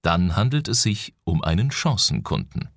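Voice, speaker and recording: A man's voice: low-pitched, sing-song, moderate pace, vocal fry, a bit bright, dry recording, clean studio sound. A man giving a persuasive, instructive, scripted narration of a self-help audiobook.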